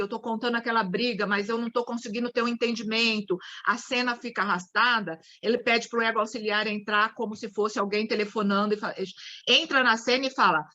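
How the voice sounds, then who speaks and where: Bright-voiced Brazilian woman lecturing on a video call. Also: medium pitch, muffled recording. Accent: Brazilian Portuguese. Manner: explains with acted examples, many restarts. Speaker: guest lecturer in psychodrama. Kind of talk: online study group lecture.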